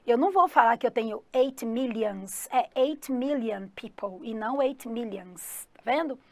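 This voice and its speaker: A woman's voice: a little high, expressive, a little slow, a little mellow, no echo. A woman with a Brazilian Portuguese accent, an English teacher giving an upbeat exam-prep lesson who often checks in with her students and speaks of herself as the teacher. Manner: calls herself 'the teacher' in third person.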